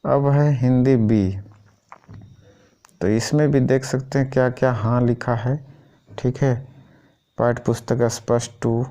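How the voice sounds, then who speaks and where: A man's voice: mid-range voice, fairly even intonation, measured pace, long pauses, warm tone. A man going through a school syllabus item by item in an informal teaching style, often checking in with the listener. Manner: keeps repeating "thik hai" as a check-in.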